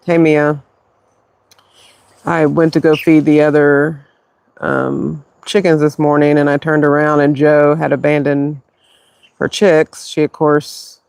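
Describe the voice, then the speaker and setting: A man murmurs in a hushed, halting way into a phone mic while streaming live outdoors in his backyard. His slightly high voice has a gravelly edge and stays flat in pitch, and the sound is close and dry. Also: no room sound. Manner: quiet, halting, talking softly on purpose. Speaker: livestream host.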